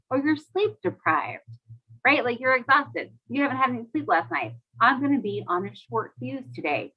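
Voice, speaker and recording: A mother hosts a live talk, chatting casually with her audience, sprinkling in lots of "like"s, asking them questions and laughing often. Her voice is fairly low with a breathy edge, and the recording sounds muffled.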